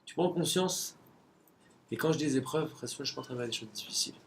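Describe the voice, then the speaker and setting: Man, gravelly voice, religious lesson, conversational, rhetorical questions. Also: medium pitch, expressive, fast.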